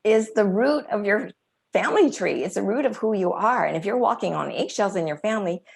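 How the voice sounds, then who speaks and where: A woman's voice: medium pitch, lively intonation, a little fast, creaky, slightly rough. A woman communication coach teaching an online masterclass on a video call, demonstrating phrasings aloud.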